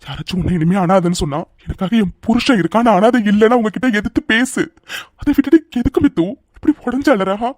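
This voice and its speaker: A devoted young man pleads and insists at a rapid clip. His lines in this cartoon dub come out dry and close, with no room sound around them. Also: high voice, no echo. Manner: pleading and insistent, speaks fast. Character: devoted, protective young man, fiery in love.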